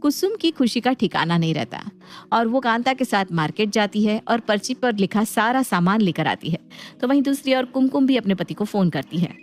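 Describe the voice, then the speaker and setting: A woman narrating a cartoon moral story in a steady, scripted way. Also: mid-range voice, moderate pace. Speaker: narrator and lead voice actor.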